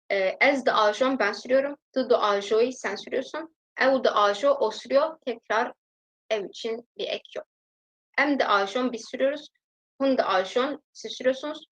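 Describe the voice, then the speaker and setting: Young woman, language teacher, slightly high voice, patient and methodical, drills examples slowly. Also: a bit bright, rough recording. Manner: explains patiently, repeating example sentences slowly. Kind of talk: recorded language lesson.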